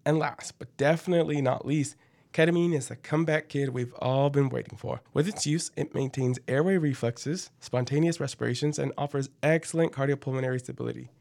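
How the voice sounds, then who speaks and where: Male podcast co-host, gravelly mid-range voice, close dry sound, scripted lesson with folksy presenter touches. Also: medium pitch, a little fast, a little mellow, no echo. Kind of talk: scripted educational podcast narration.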